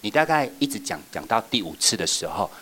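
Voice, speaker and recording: Lively lower-voiced man teaching. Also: fast talker, noisy background. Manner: playful, lively, acts out examples. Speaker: children's church teacher trainer. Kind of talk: teaching workshop.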